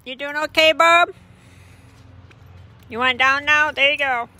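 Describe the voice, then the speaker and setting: A woman's voice: sits high, unhurried, pushed and bright, no echo. A woman with a Michigan accent, chatting outdoors by a lake and cooing doting baby talk at her puppies. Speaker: dog breeder. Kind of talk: casual chat to puppies and viewers.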